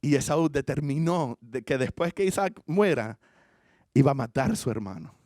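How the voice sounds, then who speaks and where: A man's voice: medium pitch, lively intonation, moderate pace, a little mellow, no echo, studio quality. A male pastor, preaching a sermon and telling the story with acted-out lines. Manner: storytelling, acting out the characters' lines.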